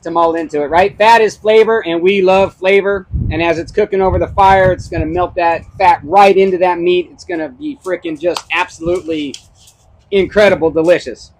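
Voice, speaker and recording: Man, barbecue co-host, casual cooking demo, enthusiastic, high voice, outdoors. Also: brisk, few pauses, poor audio. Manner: enthusiastic, explains step by step.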